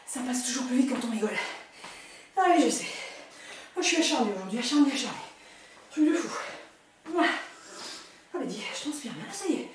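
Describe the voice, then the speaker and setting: A high-voiced woman fitness instructor exercises as she coaches, puffing with effort between counts and cues. She is playful and urging, heard from far off in a very echoey room with clear noise behind her. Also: expressive, brisk, pauses often. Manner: exerting, breathy puffs while exercising.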